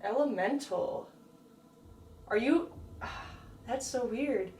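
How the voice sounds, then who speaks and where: A young American woman on a ghost hunt, nervous and slangy, talking softly to spirits in a dark old prison. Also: on the high side, slow pace, reverberant, distant mic, slight background noise. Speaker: paranormal investigator. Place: dark echoing old prison cell block.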